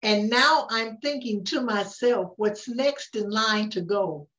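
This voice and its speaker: An older woman reads a rhyming children's picture book aloud, pausing expressively, her fairly high voice moving very slowly. The sound is roomy and echoey, with a dull tone, as if the microphone sits some distance away.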